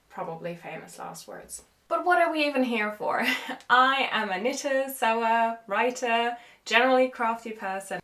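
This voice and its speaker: A woman hosting her own show in casual, chatty talk, filming herself on a phone camera inside an old cottage. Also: on the high side. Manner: chatty, animated, self-deprecating. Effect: recorded on a phone camera. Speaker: podcast host. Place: room in an old country cottage, indoors. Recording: echoey room on a phone.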